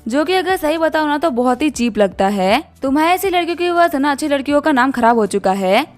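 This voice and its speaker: A woman's voice: sits high, expressive, fairly quick, soft background music. A woman voicing a confident, outspoken young actress who scolds sharply in a manga recap. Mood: scolding.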